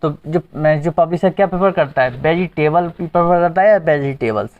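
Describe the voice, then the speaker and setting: The recording is dull and lo-fi, capturing a male teacher with a fairly high, fairly quick voice. He runs a grammar lesson for exam preparation, asking his students questions and repeating what they answer.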